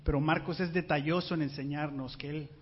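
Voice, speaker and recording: Animated preacher man, high voice. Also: fairly quick. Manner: animated, rhetorical questions to the congregation. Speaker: pastor. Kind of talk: sermon. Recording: muffled sound with long hall reverb.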